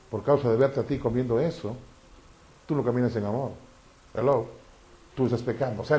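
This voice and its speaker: A man preaching a sermon, often asking the congregation questions. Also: mid-range voice. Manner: animated, asks the congregation questions.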